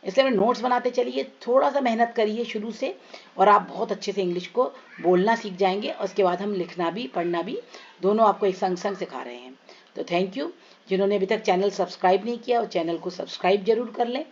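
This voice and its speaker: A woman teaching English pronunciation, slowly stretching and repeating sounds and words for her students. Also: medium pitch, a little hiss or hum. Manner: slow, drawn-out repetition of sounds and words. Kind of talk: explanatory pronunciation lesson. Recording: slightly dull lo-fi recording.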